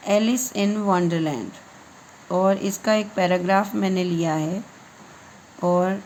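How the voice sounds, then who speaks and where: A woman gives a patient reading lesson, spelling each English word letter by letter before translating it. She talks at a very slow, deliberate pace in a mid-pitched voice. A faint hum of noise sits behind her. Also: darkish tone, low-quality recording. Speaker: English teacher.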